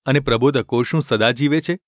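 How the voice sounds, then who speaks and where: Male scripture reader, measured even delivery, dry studio sound. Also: mid-range voice, no room sound. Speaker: Bible reader.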